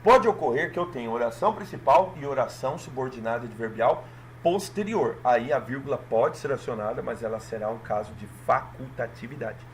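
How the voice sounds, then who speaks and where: A man from Brazil walking through an exam in a lesson, lively and checking in with listeners often. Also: mid-range voice, brisk, slight background noise. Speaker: teacher.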